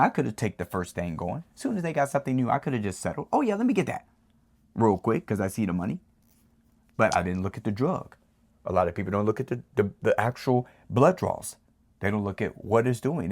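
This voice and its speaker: Lowish voiced guy rambling thru a casual pep talk, keeps tossing in "right?". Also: animated, fast, a little mellow. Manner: rambling, repeatedly asks "right?". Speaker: channel host.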